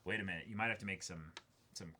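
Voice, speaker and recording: This young man, co-hosting a reaction and unboxing show, speaks in a low, bright, forceful voice at a quick pace, with slight background noise. He reads fan letters aloud from his seat next to his co-host in a small room, eagerly interjecting chatty asides.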